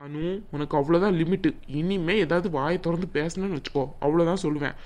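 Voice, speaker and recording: A stern young husband in a cartoon family drama, played by a woman. His voice sits fairly low and races along, and he scolds in clipped, rapid bursts. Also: darkish tone, close to an everyday voice. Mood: scolding. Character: stern young husband Kavin, quick-tempered.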